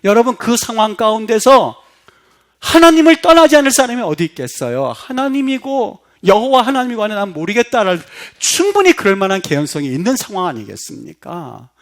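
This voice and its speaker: A middle-aged man preaching from the pulpit with a high, lively voice that swings widely in pitch. He is impassioned and acts out the voices he quotes. He builds to loud, emphatic peaks. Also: a little fast. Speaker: pastor. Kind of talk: sermon. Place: church sanctuary.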